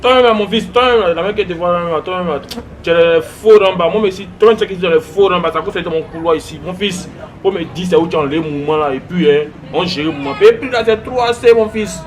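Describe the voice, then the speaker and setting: A man's voice: high voice, fast talker, slight background noise, close to an everyday voice. An actor playing a bossy male street vendor, pushy and repetitive. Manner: pushy, keeps repeating "my son".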